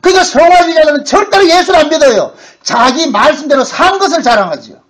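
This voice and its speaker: A man preaching a sermon as pastor, talking in a colloquial way and acting out quoted voices, from loud bursts to hushed asides. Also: extremely high pitch, lively intonation, fast talker, rough recording. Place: church sanctuary.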